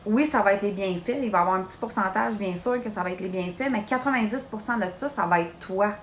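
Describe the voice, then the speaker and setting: Quick-paced and mid-range, the voice belongs to a late-twenties woman with a Québécois French accent who is coaching her sales team live on social media. Her manner is chatty and direct, and she says "tu" to the listener. Echo from the room and a slight hiss or hum come through.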